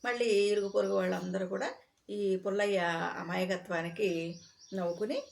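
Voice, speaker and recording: A woman telling a folk tale in a loose, chatty way, with a habit of ending lines on the same tag word. Her pitch sits in the middle for a woman. A faint noise runs under the recording. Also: steady tone, moderate pace, vocal fry, darkish tone. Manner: chatty, repeats a tag word at line ends. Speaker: storyteller. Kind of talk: casual spoken storytelling.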